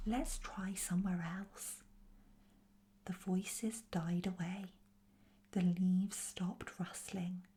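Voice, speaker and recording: A woman reading a children's story aloud in a soft, soothing whispered role-play. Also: fairly low pitch. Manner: softly spoken, soothing.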